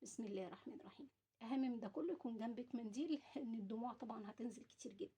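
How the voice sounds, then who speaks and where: Speaking very fast in a mellow, somewhat high voice, this home cooking vlogger with an Egyptian Arabic accent gives a chatty cooking demonstration from her home, addressing viewers directly as she prepares food. Clicks and obvious noise run through the recording.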